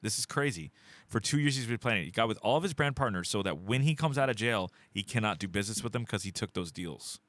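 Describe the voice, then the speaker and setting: A man's voice: fairly low pitch, fast talker, no echo. A man co-hosting a casual comedy podcast, joking and acting out voices as he tells stories. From Miami. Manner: animated, jokey, acts out voices in stories. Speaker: podcast co-host.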